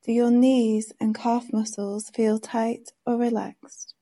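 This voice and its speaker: Female meditation guide: soft, very warm and dark timbre, drawn-out calm delivery. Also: on the high side. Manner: gentle, soothing, unhurried instructions.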